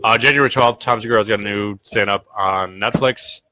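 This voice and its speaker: A man's voice: lowish voice, fairly quick, pushed and bright, slight background noise. A young man with a cold hosting a casual podcast, rambling and swearing freely. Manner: rambling, profane, laid-back. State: sick with a cold. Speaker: podcast host. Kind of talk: casual livestream podcast chat.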